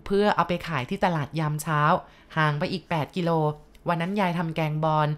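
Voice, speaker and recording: A woman's voice: on the low side, fairly even intonation, fairly quick. A woman telling a ghost story in a casual, chatty way, adding asides to her listeners.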